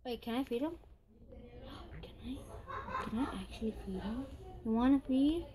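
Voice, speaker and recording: Excitable high-voiced girl gamer. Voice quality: excitable, squealing, quick to shout. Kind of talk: casual gameplay chat.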